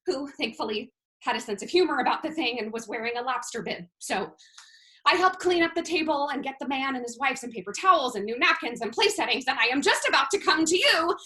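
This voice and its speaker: A woman's voice: high voice, animated, a little fast, sharp tone, poor audio. A woman performing a monologue as a frazzled young waitress at a busy restaurant, telling her story in breathless, spiraling runs that tip into tears. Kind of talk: stage monologue over video.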